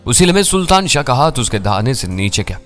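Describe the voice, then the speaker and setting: A man reading a first-person thriller story in a measured, dramatic way. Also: medium pitch, big pitch swings, a bit bright, soft background music.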